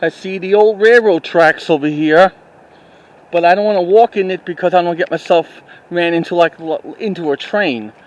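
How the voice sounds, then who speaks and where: A man narrating a walking tour outdoors on a town street, rambling and halting with many restarts, recorded on a handheld camera as he walks. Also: sits high, rough recording. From New York City. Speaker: vlogger. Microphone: handheld camera while walking.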